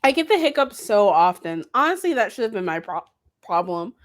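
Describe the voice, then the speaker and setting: A woman's voice: mid-range voice, very animated, a little fast. A woman co-hosting a podcast, chatting casually with wry, offhand banter. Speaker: podcast co-host. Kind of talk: casual chat.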